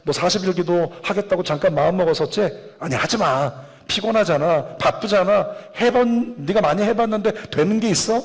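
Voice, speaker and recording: Tempting evil inner voice, male, urging; a pastor puts it on. High, long reverb. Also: normal speed. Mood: coaxing. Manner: coaxing, urging.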